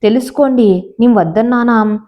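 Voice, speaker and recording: A woman voicing a sharp-tongued older mother-in-law who answers curtly. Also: a little high, normal speed, lightly acted. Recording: slightly dull lo-fi audio.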